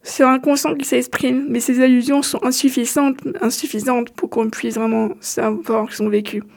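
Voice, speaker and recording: Calm, patient female guide to a hidden world, fairly high voice, read by a woman in her own voice. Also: normal speed, creaky. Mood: patient explaining.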